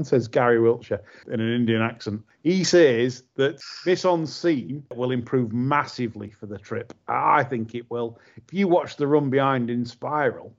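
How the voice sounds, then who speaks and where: A man hosting a casual podcast chat, talking in animated, exasperated bursts. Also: medium pitch. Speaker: podcast host. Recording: slightly muffled audio.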